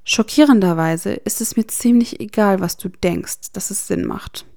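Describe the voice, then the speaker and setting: A woman reading the lines of a hotheaded teenage boy wizard in a German fan audiobook, sharp and defensive. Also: medium pitch, measured pace, no room sound, studio quality, close to an everyday voice. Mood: defiant.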